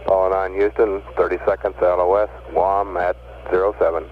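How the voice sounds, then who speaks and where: A low, level male voice hails the spacecraft from mission control over a muffled 1960s space radio loop punctuated by beeps. He keeps a steady, matter-of-fact radio procedure under a light hiss. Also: brisk. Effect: space radio transmission with beeps. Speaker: capsule communicator at mission control. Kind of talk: space-to-ground radio exchange.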